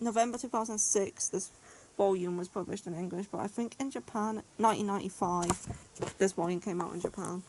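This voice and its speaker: A woman's voice: mid-range voice, a little mellow, a little hiss or hum, poor audio. Chatty woman rambling about manga. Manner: chatty, rambling, frequent "like" and "yeah". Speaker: manga reviewer. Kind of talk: casual video review.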